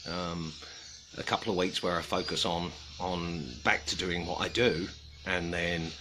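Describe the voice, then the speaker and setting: This low-pitched male voice, with little pitch movement, belongs to the host of a carving group's casual livestream. He is from Australia, has a British accent, and greets viewers hesitantly in a subdued mood, pausing and restarting a lot amid background noise.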